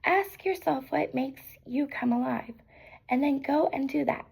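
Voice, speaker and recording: A woman with a voice affected by being sick gives a gentle, encouraging whispered ASMR pep talk, reading affirmations aloud with casual asides in an unhurried way. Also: high-pitched, vocal fry, low-quality recording. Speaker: ASMR creator.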